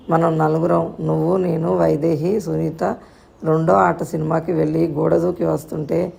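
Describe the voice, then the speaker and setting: A woman's voice: deep voice, gravelly, warm tone. A woman reading the part of a frank, caring young woman comforting her friend in a storybook tale. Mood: fond. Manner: earnest, reassuring.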